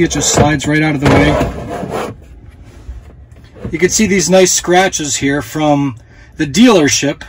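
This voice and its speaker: The voice is fairly high, with slight background noise behind it. It belongs to a man in his thirties, a dealer host who gives an outdoor how-to beside a jet ski, talking plainly and easily into a phone camera held near him and filling pauses while he works.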